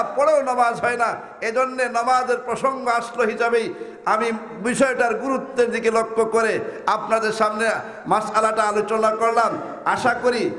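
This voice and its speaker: Male preacher, Sylheti accent, very high voice, repeats points, rhetorical questions to crowd, echoey reverberant hall. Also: a bit bright. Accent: Sylheti Bengali. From Sylhet, Bangladesh. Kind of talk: sermon.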